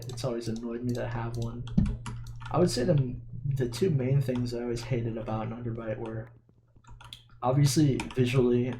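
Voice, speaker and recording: Young man with a slight lisp, gravelly. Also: medium pitch, noisy background. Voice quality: slight lisp on S sounds from an underbite. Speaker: vlogger playing a video game. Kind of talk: casual rambling chat while gaming. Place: dim room at home at a computer. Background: keyboard and mouse clicking.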